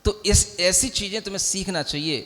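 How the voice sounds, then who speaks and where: A man delivers a sermon as a monk, his voice pitched high for a man. He teaches plainly and keeps asking his listeners whether they follow. His words ring out with a long reverb, as if spoken in a large hall. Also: fairly quick, bright, forceful tone. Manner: mixes English words into Hindi speech. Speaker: Jain monk giving a discourse.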